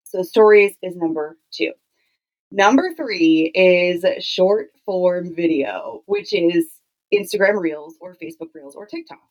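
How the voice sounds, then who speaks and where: A woman with a slightly low voice speaks as a solo podcast host. She teaches in a conversational style. Her delivery is emphatic, with phrases repeated to make points land. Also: very animated, measured pace, darkish tone, low-quality recording. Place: home clothes closet used as podcast booth.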